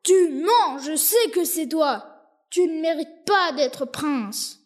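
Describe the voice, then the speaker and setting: A woman's voice: sits high, animated, slow. A woman reading the part of a stern king who scolds his son, in an amateur story reading. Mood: scolding. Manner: scolding, indignant.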